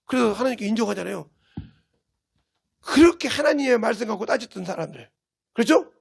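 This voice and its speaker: A male pastor preaching a fervent, scolding sermon that often bursts into shouts. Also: high-pitched, animated, fairly quick, creaky, slightly rough. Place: church, livestreamed service.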